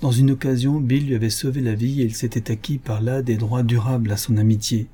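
A man reading an adventure novel aloud in a steady, measured narration. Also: mid-range voice, breathy edge. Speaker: audiobook narrator. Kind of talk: scripted narration.

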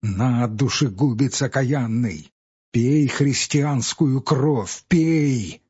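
A man voicing a desperate poor peasant man who shouts and curses in a high, strained voice. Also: sing-song, slow, slightly rough, heavily acted. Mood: raging despair. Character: desperate ragged peasant man, furious and despairing. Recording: dull audiobook recording with faint music.

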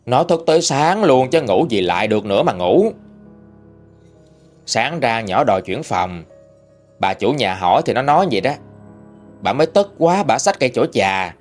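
A man with a Southern Vietnamese accent telling a ghost story in a lively, colloquial, expressive way. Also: medium pitch, normal speed, pauses often, faint music behind. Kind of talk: storytelling narration.

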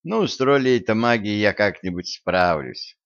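A man voicing a bossy young woman, a witch's granddaughter, in a storybook reading with brisk, commanding talk over dull lo-fi audio. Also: lowish voice, animated, a bit bright, no echo.

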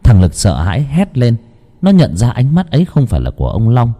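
A man's voice: mid-range voice, wildly swooping pitch, fairly quick, dark tone. A man narrating a ghost story in a dramatic, suspenseful way. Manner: dramatic, suspenseful, wide-ranging delivery.

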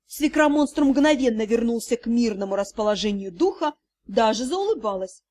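A woman reads a first-person fantasy audiobook with lively, expressive delivery. Her voice sits fairly high for a woman. The narration is scripted and steady. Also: normal speed.

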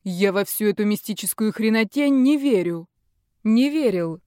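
Woman doing a brash loud psychic man. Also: mid-range voice, lively intonation, normal speed, dry recording, clean studio sound, lightly acted. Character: loud boastful middle-aged male psychic.

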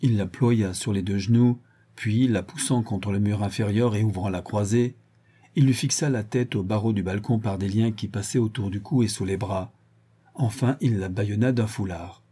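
Man reading an audiobook, low and husky, dramatic narration. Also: normal speed, mellow. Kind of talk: scripted narration.

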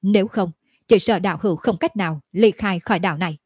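A woman's voice: medium pitch, fast, darkish tone, breathy edge, no echo, clean studio sound, lightly acted. A woman voicing a cold, scheming female demon elder who speaks in an icy tone.

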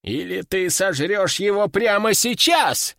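A man's voice: high voice, expressive, takes it slowly, vocal fry, bright, forceful tone, no room sound, clean studio sound, full character voice. A man voicing a stern, domineering old male sorcerer who leads his students, giving orders and threats. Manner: commanding and threatening. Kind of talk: audiobook character voice.

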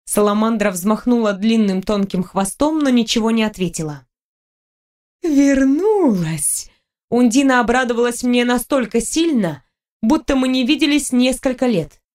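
Woman reading a fantasy audiobook, calm and steady, voice a bit on the high side. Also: normal speed. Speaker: audiobook narrator. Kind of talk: scripted first-person fantasy narration.

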